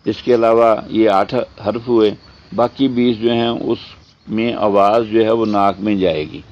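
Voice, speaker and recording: A man teaching a tajweed lesson. He explains step by step, asks and answers his own questions, and draws out the recited words slowly. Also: lowish voice, fairly even intonation, darkish tone, highs cut off. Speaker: Quran teacher.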